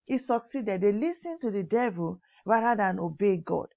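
A woman teaching a Bible lesson to teens, reading scripture aloud and slowing down to stress key words, sometimes correcting herself mid-sentence. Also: mid-range voice, expressive, vocal fry, mellow, dull audio. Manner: pauses to correct herself, occasional coughs. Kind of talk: teen Sunday school Bible lesson.

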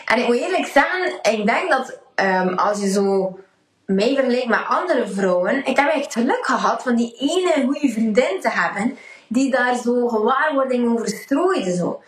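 A woman's voice: fairly high pitch, expressive, normal speed, roomy sound, rough recording. A Flemish woman in her thirties, a coach talking casually and emphatically to her live chat, laughing easily. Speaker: coach and livestream host.

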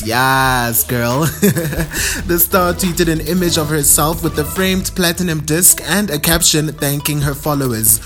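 A woman with a South African accent presenting scripted entertainment news with chatty asides. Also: sits low. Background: music bed.

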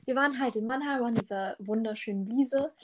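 High-voiced teen girl telling a story. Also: a little fast, noisy background. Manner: lively, teasing, acts out others' lines. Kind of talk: casual storytelling chat.

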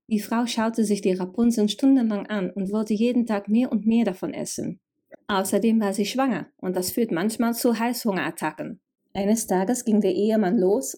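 A woman narrating a fairy tale, gently addressing the listener directly. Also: mid-range voice. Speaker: storyteller.

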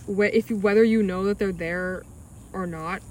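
A young woman from Alaska in casual chat on a podcast, giggly and halting as she talks. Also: mid-range voice, fairly even intonation, darkish tone, a little hiss or hum.

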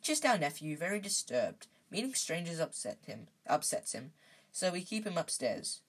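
A woman's voice: sits low, very animated, moderate pace, husky, heavily acted, low-quality recording. A woman voicing a bullying middle-aged uncle in a storybook, blustering and pompous, both menacing and falsely polite. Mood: forced politeness. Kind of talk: storybook character voice.

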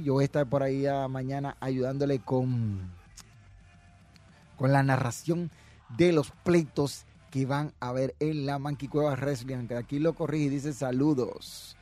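A man's voice: medium pitch, darkish tone. A man hosting a wrestling podcast, giving brash, mocking commentary and reading viewer comments. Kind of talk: casual opinionated commentary.

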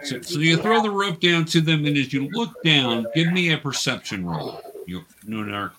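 As game master of a tabletop role-playing game, a man guides his players patiently and encouragingly, though he often halts and restarts his phrases. His voice sits on the high side and is animated, with noise in the background.

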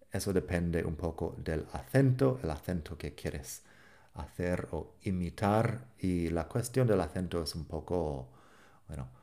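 A man teaching pronunciation in a podcast lesson, relaxed and explaining patiently with examples. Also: sits low.

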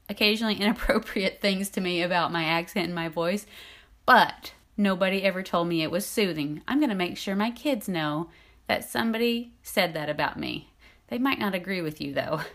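Her voice is mid-range and a bit bright, soothing in tone. She's a middle-aged intimacy coach running her own solo podcast, partly scripted, speaking in a friendly, chatty manner with light laughter.

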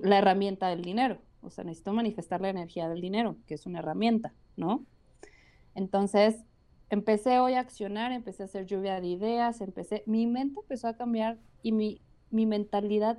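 A Mexican woman in casual conversation, chatty and earnest, with a mellow, warm voice. She leans often on fillers and checks in with her listener. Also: medium pitch. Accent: Mexican Spanish.

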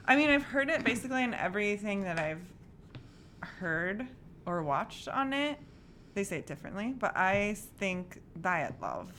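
A woman's voice: mid-range voice, moderate pace, a little hiss or hum. A woman co-hosting a podcast in casual chat, laughing often as she tells a mystery story. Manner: giggly, animated, storytelling. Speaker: podcast co-host.

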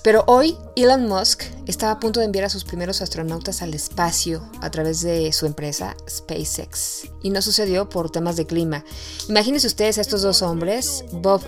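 A Mexican woman talks through her podcast in a loose, chatty monologue. Her voice swings between bursts of loudness and quiet, close asides. She is recording at home late at night. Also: medium pitch, moderate pace, soft background music. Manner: chatty and conversational, shifting between loud and soft. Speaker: podcast host.

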